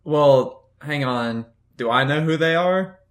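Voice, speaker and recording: Guy playing tabletop, slow, lots of ums, a bit higher voice. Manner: hesitant, many ums. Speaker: player. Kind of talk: casual tabletop play.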